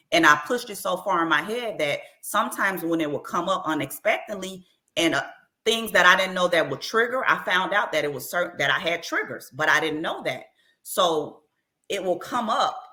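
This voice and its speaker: A woman's voice: fairly low pitch, pushed and bright. A woman author in an interview, talking openly and earnestly about her life, often repeating short phrases. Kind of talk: candid personal interview.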